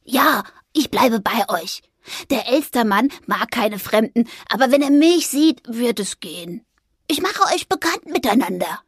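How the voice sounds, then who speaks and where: A woman voicing a friendly, chatty male squirrel in a children's story, talking in a lively, helpful way. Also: on the high side, a little slow, slightly rough, no room sound, studio quality, full character voice. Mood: reassuring.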